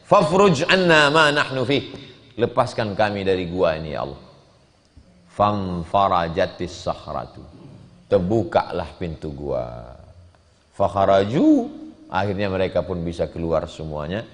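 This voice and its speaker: A male preacher giving a sermon, switching between chanted Arabic phrases and lively explanation. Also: low voice, a little slow. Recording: long hall reverb.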